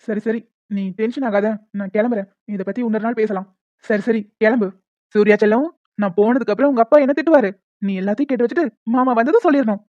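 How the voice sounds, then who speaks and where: A woman's voice: a little high, fast talker, mellow, dry recording, dull audio, lightly acted. A woman voicing a persuasive, playful young brother-in-law in a cartoon. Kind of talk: cartoon voice acting.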